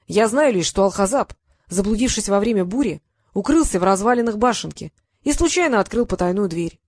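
A woman's voice: mid-range voice, lively intonation, brisk, darkish tone, dry recording, lightly acted. A woman reading the part of a haughty, threatening male sphinx in an audiobook. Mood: smug. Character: knowing, prickly male sphinx monster.

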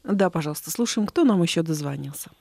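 A woman hosting a radio call-in show, taking callers and reading out letters in a brisk, friendly way. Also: sits low, expressive, vocal fry, loud music behind the voice. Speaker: radio host taking calls. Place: radio studio.

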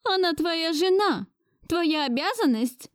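A woman's voice: expressive, takes it slowly, no echo, clean studio sound, heavily acted. A woman voicing a domineering, wealthy old grandmother who scolds in an imperious tone. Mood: scolding. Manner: shrill, imperious reproach. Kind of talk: audiobook dialogue reading.

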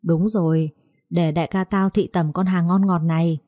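A woman's voice: lowish voice, steady tone, normal speed, mellow, dry recording, clean studio sound, close to an everyday voice. A woman reading aloud, voicing a crude, threatening male debt-collector thug. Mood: leering. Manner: vulgar, taunting, threatening.

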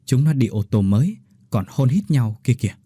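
A man's voice: mid-range voice, lively intonation, moderate pace, warm tone, slightly rough, no echo, clean studio sound. A man doing a nosy gossiping market woman. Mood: gossipy. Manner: nosy and insistent. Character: gossiping middle-aged woman neighbor at the market.

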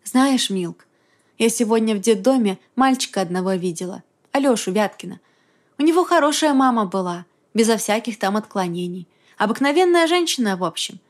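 A woman reading an audiobook, voicing a gentle young woman who speaks in a soft, soothing, reasonable way. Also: mid-range voice, lively intonation, a little fast, lightly acted. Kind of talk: audiobook character voice.

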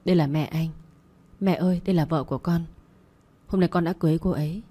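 A man's voice: on the high side, steady tone, quick pace, dark tone, slightly rough. Woman doing a teasing, impulsive young groom. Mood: tender. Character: impulsive young groom, playful alter ego.

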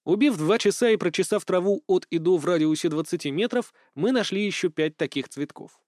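Male narrator, fantasy audiobook, higher voice, dry studio sound. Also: lively intonation, brisk, a little mellow, no echo. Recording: dry close studio mic.

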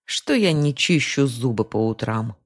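A woman's voice: a bass voice, lively intonation, measured pace, breathy edge, full character voice. A woman doing a nervous, defensive young husband. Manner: evasive, later hissing threats.

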